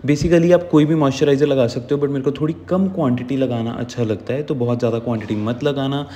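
A man's voice: medium pitch, steady tone, quick pace, dark tone, big-room sound, a little hiss or hum. A man talking through a makeup tutorial as the channel's makeup artist, in a chatty, instructive way, mixing English words into his speech.

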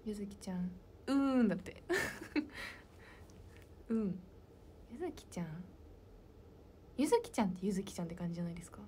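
A young woman, a member of an idol group, chatting casually with fans and answering their questions, soft-spoken and slipping into whispered asides. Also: fairly low pitch, very animated, a little fast, long pauses, noisy background.

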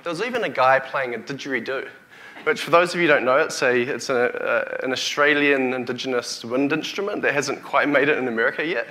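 On a hotel conference stage, a thirtysomething CEO from New Zealand addresses the crowd with a keynote. His voice is bright, forward, and medium in pitch, with a broad Kiwi accent, and he speaks a little fast into a lapel or headset mic.

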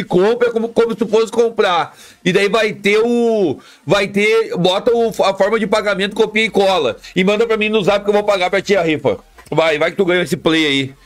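A man live streaming, chatting casually and repetitively with his viewers in slang. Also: sits high. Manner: slangy, repetitive, talks straight to chat.

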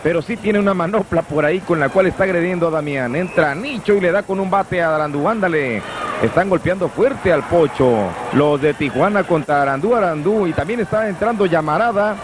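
A man's voice: fairly high pitch, a little fast. A man with a Mexican accent gives exclamatory, colloquial play-by-play as a lucha libre wrestling commentator. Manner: exclamatory, colloquial, repeats phrases. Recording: noisy old VHS broadcast of arena event. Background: noisy wrestling arena.

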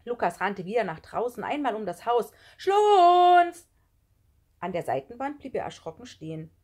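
A woman reading a children's book chapter aloud in an expressive, steady storytelling manner. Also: medium pitch, breathy edge. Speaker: audiobook reader.

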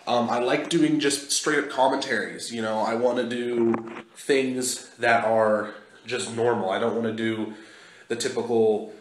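Recorded on a phone held at arm's length, a young man vlogs to camera from a small, echoey walkway inside a house being moved into. His mid-range voice is fairly even and unhurried, with slight background noise.

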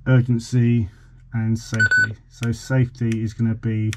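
A man in his forties vlogs an informal boat radio demonstration, explaining a little hesitantly. He speaks at normal speed in a mid-range voice with little pitch movement, over clear background noise.

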